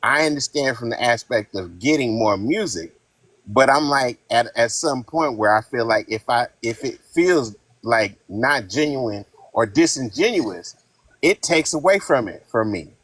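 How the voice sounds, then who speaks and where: This caller to a live-stream podcast is a fifties-aged man from Northern California who talks bluntly and tells heated stories full of profanity. He speaks unhurriedly at medium pitch, with lively intonation, a slightly bright tone and a breathy edge, recorded without any room sound.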